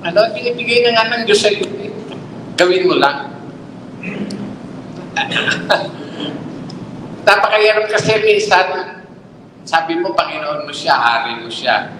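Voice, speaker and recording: A man's voice: high-pitched, expressive, normal speed. Man preaching in an echoey hall. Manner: exhorting, asks rhetorical questions. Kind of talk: sermon. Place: church hall. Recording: echoey hall, faint noise.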